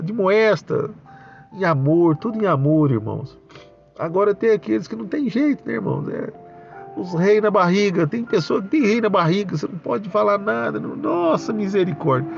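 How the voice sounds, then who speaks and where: A man's voice: high-pitched, expressive, normal speed, creaky, lo-fi sound, faint music behind. A Brazilian man giving a fervent spoken religious testimony, calling his listeners brothers and breaking into praise. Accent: Brazilian Portuguese. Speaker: church member giving a testimony. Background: noisy motorbikes passing outside.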